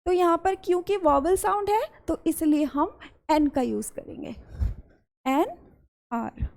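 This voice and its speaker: A woman's voice: extremely high pitch, expressive, normal speed, creaky, darkish tone. A woman with an Indian English accent teaching an English grammar lesson, mixing Hindi and English. She explains step by step and repeats key words. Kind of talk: classroom-style grammar lesson.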